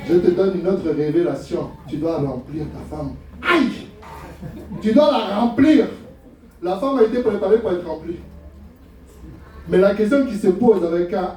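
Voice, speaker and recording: A man's voice: high-pitched, dark tone. A middle-aged man from France preaching a sermon as pastor, humorous and full of rhetorical questions. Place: church hall. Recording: very echoey hall, voice from far off.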